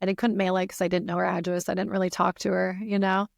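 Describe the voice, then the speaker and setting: Earnest woman with a gravelly voice. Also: on the low side, little pitch movement, fast talker, no room sound, clean studio sound. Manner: earnest, frequent "you know" fillers. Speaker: podcast guest. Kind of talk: personal storytelling in an interview.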